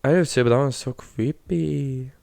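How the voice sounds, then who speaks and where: A man's voice: mid-range voice, moderate pace, gravelly, crowd noise. A young man co-hosting a podcast in casual, playful chat, full of "like"s. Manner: playful, filler-heavy talk with many "like"s. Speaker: podcast co-host.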